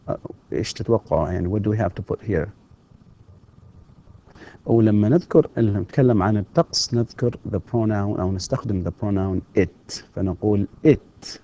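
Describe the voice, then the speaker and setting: A man teaching English in a distance-learning lecture. He moves between English and Arabic and drills example sentences slowly. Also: fairly low pitch, gravelly, warm tone. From Saudi Arabia. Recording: dull lo-fi lecture recording.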